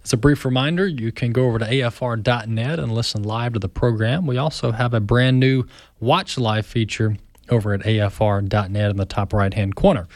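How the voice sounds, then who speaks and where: A man's voice: mid-range voice, a little fast, no echo. Talk radio host man, dry close sound. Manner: friendly, with frequent fillers. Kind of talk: casual radio interview.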